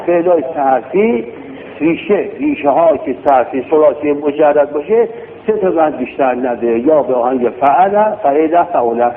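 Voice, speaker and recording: A man's voice: fairly high pitch, very animated, slight background noise. A man teaching a classroom grammar lesson, drilling words and quizzing his class. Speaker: religious studies teacher. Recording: tinny phone-like lo-fi recording.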